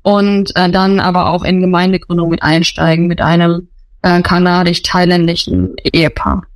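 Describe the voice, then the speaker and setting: A woman's voice: on the low side, moderate pace, dry recording. A woman in her thirties, a missionary, answering interview questions earnestly with frequent fillers.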